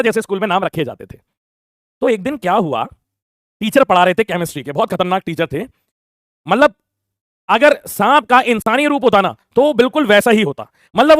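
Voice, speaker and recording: A young man tells a school story at a rapid clip, his voice sitting high for a man. He acts out each character as he goes. The sound is dry and close. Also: dry recording. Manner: animated, acts out the teacher and classmates in quick voices. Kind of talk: casual storytelling.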